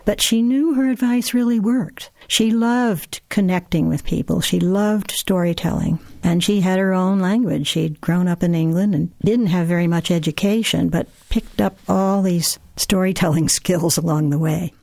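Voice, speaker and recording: A woman's voice: on the low side, fairly even intonation, moderate pace, vocal fry, few pauses, no echo. A woman author answering interview questions, telling stories with the odd laugh. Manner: warm laughing storyteller, reads excerpts aloud. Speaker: author and guest. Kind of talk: radio interview answers and reading aloud.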